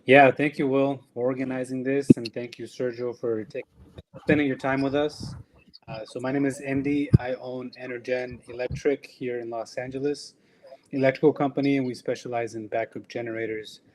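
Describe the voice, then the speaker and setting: Man from El Salvador, tradesman guest, earnest and reflective, mid-pitched. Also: flat delivery, moderate pace, darkish tone, poor audio. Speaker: electrician and business owner. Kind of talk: casual conversation.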